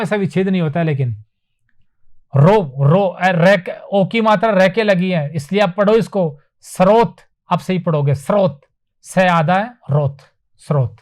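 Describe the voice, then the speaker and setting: High-voiced man teaching at a whiteboard. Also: a little mellow. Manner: repeats words slowly for emphasis, asks and answers himself. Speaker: Hindi teacher. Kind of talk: classroom lecture on spelling. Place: classroom with whiteboard.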